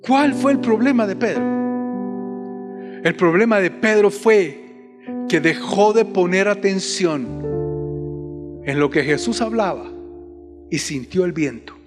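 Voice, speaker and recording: High-voiced preacher in a reverberant hall. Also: male voice, expressive, music in the background. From Colombia. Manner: preaching with dramatic pauses and acted-out Bible dialogue. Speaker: pastor. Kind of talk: sermon.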